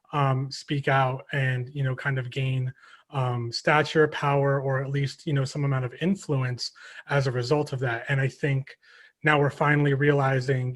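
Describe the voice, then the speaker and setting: Man from the US, game developer, mid-pitched, thoughtful, halting panel talk. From United States. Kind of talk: panel discussion.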